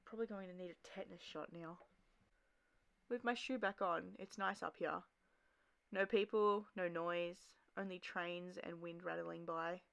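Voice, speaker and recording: A woman voicing a troubled teenage girl graffiti artist, narrating in first person in a low-key, matter-of-fact way. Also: steady tone, measured pace, creaky, dry recording.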